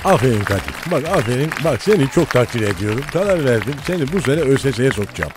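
A man's voice: medium pitch, big pitch swings, quick pace, crowd noise, background noise, close to an everyday voice. A man playing a blustering older male football club president who bosses people around and curses. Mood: smug. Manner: bossy, curses, shouts into phone. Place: radio studio.

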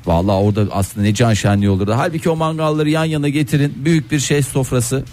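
A male radio co-host rambling through jokes and everyday gripes in relaxed banter. His voice sits at a middling pitch over a faint music bed. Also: racing. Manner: joking, chatty storyteller.

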